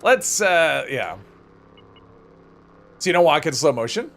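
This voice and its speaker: A man's voice: fairly high pitch, sing-song, slow pace, gravelly, fairly bright tone. A man hosting a livestream, casually thinking aloud as he plays and rambling off into conversational asides. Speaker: livestream host.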